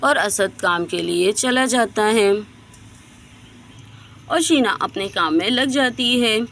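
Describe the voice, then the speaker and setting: A woman narrating a moral story told with dolls, at an unhurried pace. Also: medium pitch, expressive, a bit bright, a little hiss or hum.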